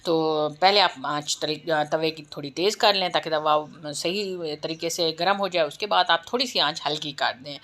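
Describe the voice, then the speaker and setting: A woman's voice: low-pitched, a bit bright. A woman with a sore throat hosting a home cooking tutorial, explaining step by step and often checking in with the viewer. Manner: chatty step-by-step instruction with frequent "ठीक है" check-ins. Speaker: cooking channel host.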